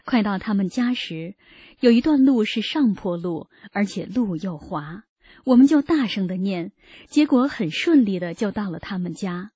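Earnest woman narrator with a warm, mellow tone, reading a personal testimony. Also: mid-range voice, expressive, normal speed, slightly rough, no room sound, studio quality. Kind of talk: read first-person narration.

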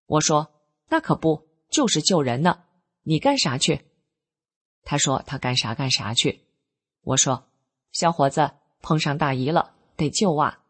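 A middle-aged woman, earnestly telling her own story in plain spoken words. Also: rumbling low. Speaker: narrator of a personal account. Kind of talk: first-person storytelling.

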